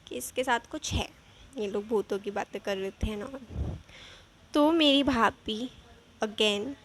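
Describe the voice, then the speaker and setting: Young woman vlogging a spooky story, lively and chatty, slightly high voice, faint hiss. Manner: chatty, animated, frequent asides. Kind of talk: casual storytelling.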